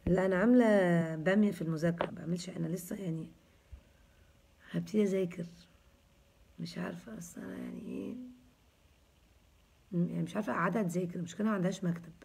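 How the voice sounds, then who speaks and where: A woman's voice: on the low side, steady tone, rapid-fire, vocal fry, pauses often, darkish tone, a little hiss or hum. A woman in her thirties with an Egyptian accent, hosting a casual live chat and answering viewers with jokes and teasing. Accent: Egyptian Arabic. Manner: joking, teasing, chatty. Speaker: host answering viewers' comments.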